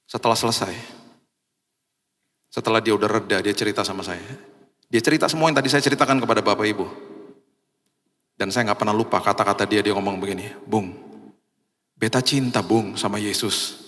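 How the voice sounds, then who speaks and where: A man's voice: quick pace, pauses often, fairly bright tone. A man preaching a sermon as pastor, telling a story and acting out the people in it. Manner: storytelling, acts out quoted voices with big pitch jumps. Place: large church hall. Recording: long hall reverb.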